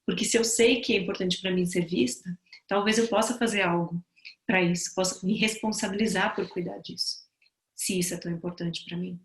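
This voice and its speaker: A woman tutor teaching a seminar on empathic listening, speaking gently and reflectively, explaining things slowly. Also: on the low side, fairly even intonation, reverberant.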